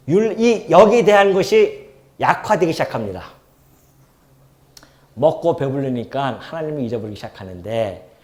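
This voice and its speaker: A man preaching an expository sermon as a pastor in a church, animated, swinging between loud emphasis and soft asides, and often asking the congregation questions. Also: mid-range voice. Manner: asks the congregation questions and acts out quoted speech.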